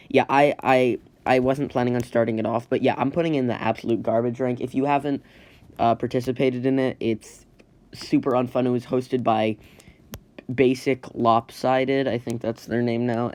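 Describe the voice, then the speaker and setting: A man hosts a casual ranking video on a rough, amateur phone microphone. He talks in a rambling, halting way and often backs up to rephrase. His pitch sits in an ordinary middle range for a man. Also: a little mellow. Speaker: host. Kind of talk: casual tier list commentary. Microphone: phone's built-in microphone.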